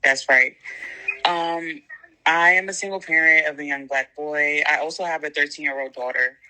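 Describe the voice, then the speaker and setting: Bright-toned New woman calling in. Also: low voice, steady tone, rough recording. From the Bronx, New York. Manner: earnest, halting, searching for words. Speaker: caller. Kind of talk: phone-in call.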